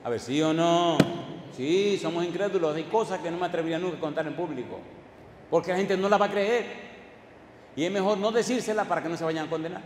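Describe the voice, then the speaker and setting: A fairly high-voiced male pastor preaching a sermon in a church. He keeps throwing repeated yes-or-no questions at the congregation and builds to loud declarations. His voice rings through a large, echoey hall over faint background noise. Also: brisk. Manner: repetitive call-and-response questions to the congregation.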